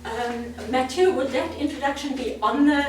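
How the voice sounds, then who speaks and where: A South African woman in her sixties gives a chatty presentation as a guest speaker in a meeting hall, her voice high-pitched and at normal speed. The mic is far off in the echoey hall, with a little hiss or hum.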